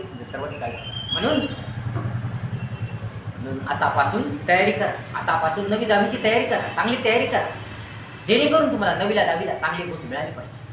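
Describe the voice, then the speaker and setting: A man's voice: on the high side, noisy background. Earnest male teacher in an echoey room. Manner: earnest, repetitive exhorting in long lists. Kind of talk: motivational talk to students. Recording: very echoey room with faint ambience.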